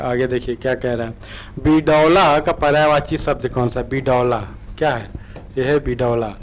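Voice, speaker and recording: A man's voice: mid-range voice, a little hiss or hum. A man teaching an online exam-prep lesson, asking questions and answering them himself, repeating key words and often correcting himself. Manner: explains by asking and answering his own questions.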